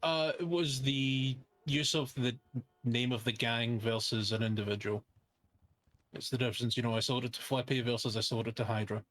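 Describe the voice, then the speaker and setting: A man giving improvised courtroom testimony as a justice, explaining in a measured, hesitant way. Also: medium pitch, fairly even intonation, a bit bright. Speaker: witness, a justice in role-play.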